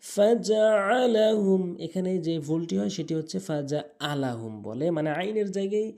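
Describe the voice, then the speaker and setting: A male Quran teacher with a mellow, dark-toned voice. He explains pronunciation patiently, repeating the wrong and right forms. He then chants the verses in slow, stretched-out recitation. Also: sits high, creaky.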